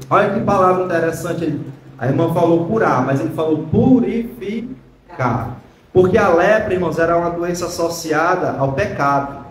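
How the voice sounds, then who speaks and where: A man's voice: on the high side, a little fast, echoey room, a little hiss or hum, low-quality recording. A man preaching a sermon as pastor, often calling his listeners brothers.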